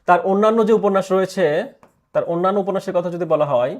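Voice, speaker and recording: A male teacher giving an exam prep lecture, asking questions and answering them himself, repeating key answers slowly. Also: high voice.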